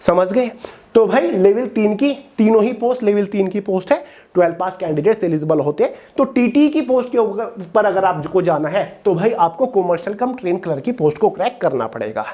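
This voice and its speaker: A woman's voice: medium pitch, animated, fairly quick, mellow. Woman, coaching educator, direct explainer who keeps checking that the audience follows. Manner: direct, checks in with listeners often. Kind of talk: explanatory talk to exam aspirants.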